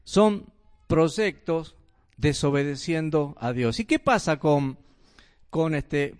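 A man's voice: a little high, animated, slow pace, a little mellow. A man with a Rioplatense Spanish accent preaching a sermon in a conversational way, asking his listeners rhetorical questions.

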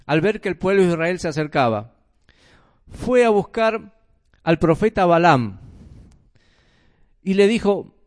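A man's voice: high voice, sing-song, unhurried, pauses often. A man with a Rioplatense Spanish accent preaching a sermon in a conversational way, asking his listeners rhetorical questions.

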